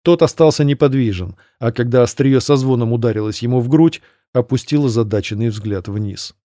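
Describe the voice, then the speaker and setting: A man narrating a fantasy audiobook in an even, measured storytelling manner. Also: medium pitch, no echo, clean studio sound.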